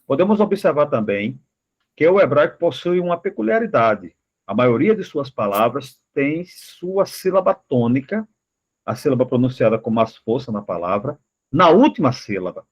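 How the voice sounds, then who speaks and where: A man's voice: mid-range voice, big pitch swings, normal speed. Brazilian man reading aloud, dull audio. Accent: Brazilian Portuguese. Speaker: student.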